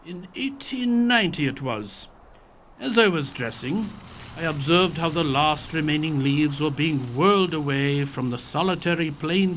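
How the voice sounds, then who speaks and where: A man's voice: on the high side, a bit bright, a little hiss or hum. A man playing a genial older doctor and loyal companion who tells old stories in a polite, old-fashioned radio-play manner. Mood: storytelling. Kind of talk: radio-play acting and storytelling.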